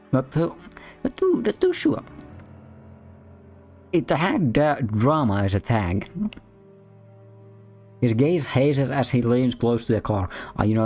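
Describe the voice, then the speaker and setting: A man reads a mystery game's narration aloud and keeps breaking in with sarcastic jokes. His voice sits at an ordinary middle pitch. Faint game music plays under him. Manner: jokey, sarcastic asides. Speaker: game streamer. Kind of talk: let's-play narration and commentary.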